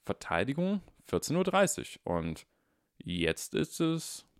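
Man reading a calm, clever wizard boy. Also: mid-range voice, slow pace, no room sound, clean studio sound, voice pushed up. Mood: musing. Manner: polite, dryly clever.

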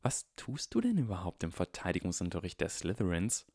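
A man's voice: sits low, wildly swooping pitch, brisk, darkish tone, breathy edge, dry recording, clean studio sound, full character voice. A man voicing a haughty, stiff young wizard boy with a clipped, sneering manner.

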